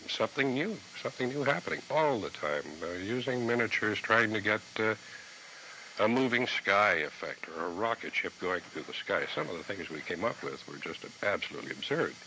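Middle-aged man reminiscing in an interview, low and bright, slightly hissy tape. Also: lively intonation, low-quality recording. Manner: reflective, halting with fillers. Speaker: former children's TV host. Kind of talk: interview recollection.

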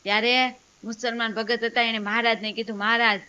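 A woman with a rather high, bright voice narrates a religious story at normal speed and in a forceful tone. She voices the characters as she goes, telling it with quoted dialogue.

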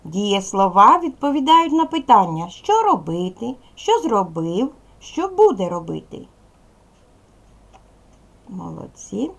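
A woman teaching a primary school class in a recorded video lesson, speaking clearly and patiently straight to the pupils. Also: mid-range voice, very animated, slow.

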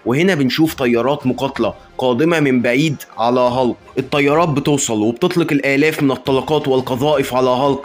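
A man with an Egyptian Arabic accent retells a comic-book story at a rapid clip, moving from one event to the next. His voice sits at an ordinary middle pitch, with faint music playing under the narration. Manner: brisk storytelling, acting out dialogue. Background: faint background music.

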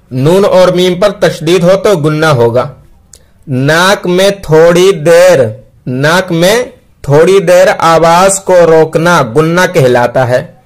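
A patient male teacher in a step-by-step recitation lesson, with a slightly raised voice. He speaks very slowly, stretching each syllable and repeating every rule several times. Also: on the high side. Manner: draws out sounds slowly while spelling letters. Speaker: Quran reading teacher. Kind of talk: slow spelled-out recitation lesson.

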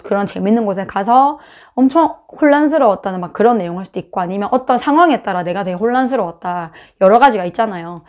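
A woman with a Busan Korean accent and a somewhat high, darkish-toned voice works as an English teacher. She explains English grammar in a casual, chatty lesson, acting out examples with sound effects.

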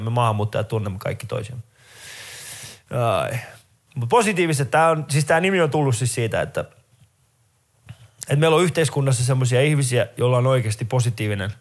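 A middle-aged Finnish man performs stand-up comedy, his accent clear as he spins lively tales. For the characters in them, he jumps up into high voices.

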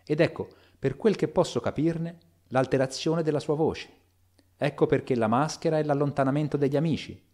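A man voicing a cautious, dutiful middle-aged male lawyer in a spoken audiobook, with a measured and reasoning delivery. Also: fairly high pitch, darkish tone, voice pushed up, lightly acted.

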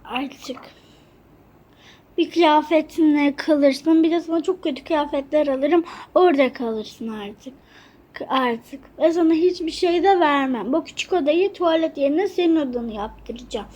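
A woman's voice: high-pitched, measured pace, a little mellow. A woman voicing a cruel, bossy stepmother who barks harsh, mocking orders in a game role-play.

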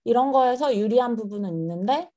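A woman's voice: fairly high pitch, animated, brisk, mellow. A young adult woman from South Korea, answering questions casually as a podcast guest. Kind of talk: casual interview chat.

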